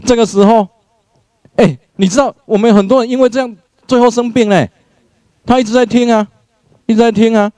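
A man giving an animated spiritual lecture, acting out scenes and laughing often. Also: very high-pitched, fairly quick, pauses often, clear, resonant tone, no echo. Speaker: lecturer, doctor. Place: lecture room.

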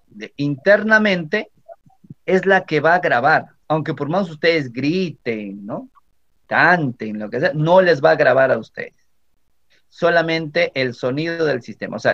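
A man's voice: fairly high pitch, fairly bright tone. Peruvian man teaching step by step. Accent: Peruvian Spanish. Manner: explains step by step, checks in often with "¿ya?" and "¿sí?". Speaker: teacher training instructor. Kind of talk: screen-recording software tutorial. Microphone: computer microphone. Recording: slightly dull lo-fi audio.

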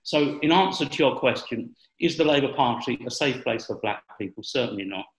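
An older man, a political commentator, speaks briskly and animatedly at a medium pitch in a political discussion from a bright room at home. The video call sounds roomy and echoey.

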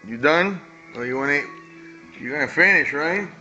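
A man casually filming his daughter at breakfast, gently coaxing her to eat and talk. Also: fairly high pitch, expressive, normal speed, dull audio, faint music behind. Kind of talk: casual home video chat.

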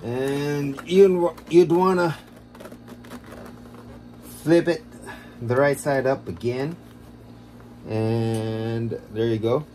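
A man vlogging a casual how-to walkthrough, explaining in a rambling, halting way, recorded on a low-quality phone camera. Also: dark tone, slight background noise. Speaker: DIY vlogger.

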